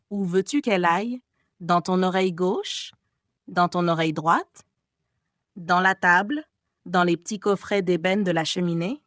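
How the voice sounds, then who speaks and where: A woman's voice: fairly low pitch, no room sound, clean studio sound, lightly acted. A woman voicing a cruel masked male phantom from an audiobook who mockingly taunts a young woman. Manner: taunting, theatrical.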